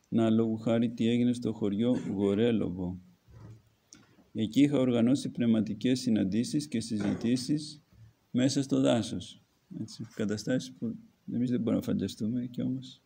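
A man's voice: medium pitch, gravelly, mellow, husky. A man, an Orthodox archimandrite, reads a book aloud as a homily and breaks off to add his own comments. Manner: reads narrative then pauses to comment.

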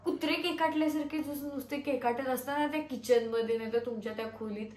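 A hoarse woman firing back defiantly and with scorn in a heated family-feud video. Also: high voice, quick pace, darkish tone. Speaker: vlogger. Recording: echoey room with faint noise.

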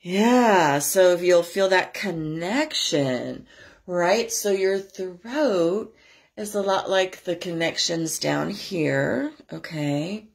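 A woman's voice: on the low side, vocal fry. Woman with a stuffy, scratchy cold voice. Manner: chatty, rambling asides with soft laughs; slow, steady chanting. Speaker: spiritual workshop teacher. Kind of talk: guided chanting class.

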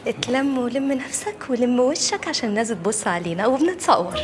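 A teasing Egyptian young woman taunts in a high, lively voice. Her tone is mocking and playful. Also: fast, loud music behind the voice. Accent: Egyptian Arabic. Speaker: bride-to-be.

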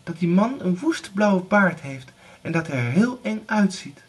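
A man's voice: high-pitched, sing-song, measured pace, husky, far from the mic, voice pushed up, exaggerated voice. A man voicing a curious, gossipy young younger daughter in an eager manner.

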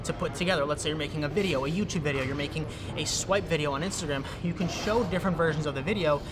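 A man's voice: on the high side, quick pace, background noise. A young man filming a casual how-to vlog in a large indoor gym, chatty and explaining step by step to a nearby camera. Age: young adult. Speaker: fitness video creator. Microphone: camera close up and on tripod.

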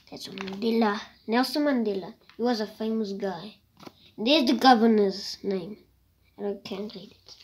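Hesitant woman vlogger. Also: on the high side. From South Africa. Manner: hesitant and rambling, with frequent soft whispered asides. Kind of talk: casual show-and-tell vlog.

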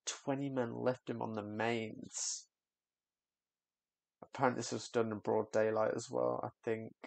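A man's voice: medium pitch, flat delivery, a little slow, gravelly, no room sound. A young man giving casual, candid reaction commentary on a music video, rambling and trailing off with fillers.

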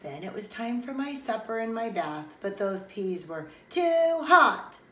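A middle-aged woman and preschool teacher reading a children's picture book aloud in an expressive storytelling manner. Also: mid-range voice, normal speed, a little hiss or hum. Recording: roomy, distant mic, faint ambience.

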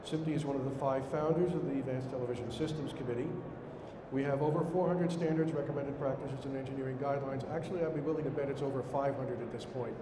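A man's voice: medium pitch, fairly even intonation, quick pace. Echoey middle-aged man with a Brooklyn accent. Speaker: conference speaker standing in for a director. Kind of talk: formal slide presentation. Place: indoor conference room with seated audience. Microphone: podium microphone, later picked up by hand. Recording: echoey hall, noisy room ambience.

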